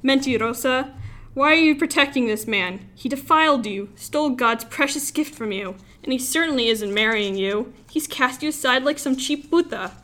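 Angry middle-aged mother read by a woman, strict and accusing, fairly high voice. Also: normal speed, a bit bright. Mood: furious. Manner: accusing, scolding.

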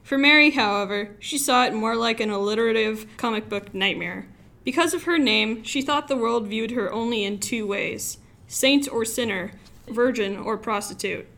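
A young woman from Los Angeles, a student author, reading her own story aloud in a wry, expressive way. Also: a little high, normal speed. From Los Angeles, USA. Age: young adult.

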